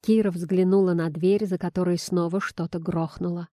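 A woman narrating a story in a calm, measured reading. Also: lowish voice, dry recording, clean studio sound. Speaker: audiobook narrator.

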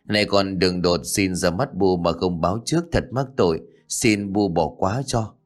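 A man's voice: low-pitched, normal speed, natural voice. A man voicing a young noble fiancée who speaks formally and courteously. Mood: deferential.

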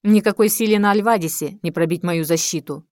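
A scheming male demon lord, cold and predatory, coaxing and mocking in a low, dry voice, as a woman reads him in an audiobook. His menace is quiet, not shouted. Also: a little fast, no echo, natural voice.

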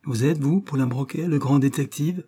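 A man voicing a gruff, wary male locomotive driver who barks orders in a raised, high-pitched voice. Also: normal speed, mellow.

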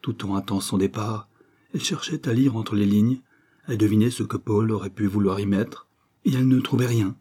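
A man reading a novel aloud in steady, measured narration. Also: on the low side, husky. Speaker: audiobook reader.

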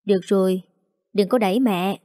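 A woman's voice: medium pitch, normal speed, mellow, no room sound, studio quality, natural voice. A woman playing a soothing young mother. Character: gentle young mother, soft and tired.

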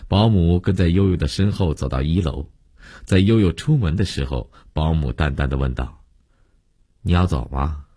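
A man narrating a serialized story in a steady, measured way. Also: low voice, breathy edge, dry recording, clean studio sound.

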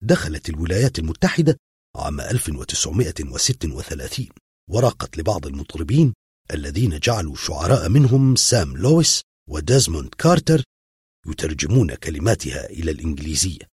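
A worried middle-aged doctor friend explains things tensely, as a male storyteller puts him on. The voice is very deep and husky, with lively rises and falls in pitch. It is recorded close and dry. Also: quick pace, no room sound, heavily acted.

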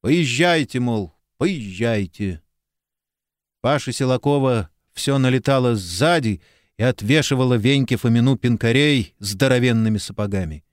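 A man's voice: mid-range voice, no echo, clean studio sound. Man reading a literary audiobook. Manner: measured, expressive storytelling. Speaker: audiobook narrator.

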